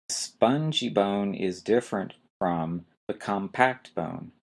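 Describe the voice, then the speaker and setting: A slow, deep-voiced man teaches medical terms on a podcast. Each word gets spelled letter by letter, and he carefully stresses its syllables.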